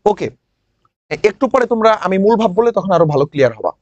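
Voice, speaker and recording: A male teacher explains a poem line by line for exam students. He talks in a lively, dramatic way and keeps asking questions. The recording is dry and close, with no room sound. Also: high voice, fairly quick, dry recording, muffled recording. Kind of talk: exam-prep poetry lesson.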